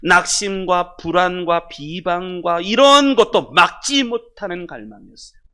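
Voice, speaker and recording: A man preaching a sermon as pastor, swinging from loud exhortation to hushed, almost whispered lines and leading the congregation in reading aloud. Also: high voice, unhurried, smooth.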